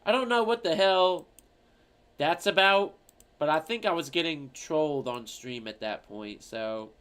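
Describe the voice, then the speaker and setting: A man's voice: fairly high pitch, measured pace, a bit bright, clean tone. A man streaming, reacting to an old video of himself, rambling and swearing casually with a lot of fillers. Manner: rambling, profane, lots of fillers.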